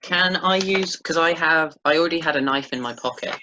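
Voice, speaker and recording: A woman playing a tabletop game, playful and quick to laugh. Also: low-pitched, muffled recording, noisy background. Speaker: player. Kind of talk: casual chat at a game table.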